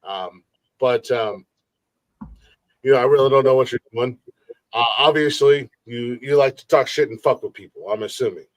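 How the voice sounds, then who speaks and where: A man's voice: medium pitch, moderate pace, pauses often, no room sound. Rambling, swearing man in his forties. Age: 40s. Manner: rambling, repeats words, swears freely. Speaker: podcast host. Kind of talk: casual live-stream chat.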